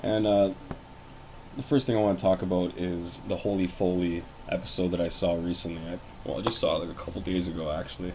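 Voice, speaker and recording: A man's voice: deep voice, level tone, a little fast, noisy background. A young man hosting his own show, talking casually and bluntly about wrestling, rambling with fillers and swearing. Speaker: host. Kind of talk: casual wrestling commentary vlog.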